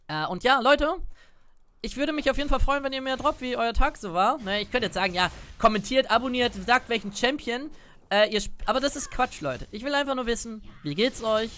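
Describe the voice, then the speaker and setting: An Italian-born man in his twenties streams games, chatting casually and rambling to viewers as he comments on his play. His voice sits high with a fairly bright tone, picked up close by a desk mic while he wears a headset in an indoor gaming room.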